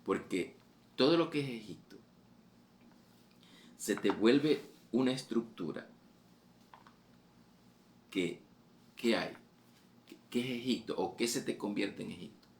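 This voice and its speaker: A man's voice: fairly low pitch, slow, creaky, pauses often, a little mellow, slight background noise. A man preaching a fervent sermon, repeating phrases and raising his voice on exhortations. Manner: fervent, repetitive, voice rising on quoted exhortations.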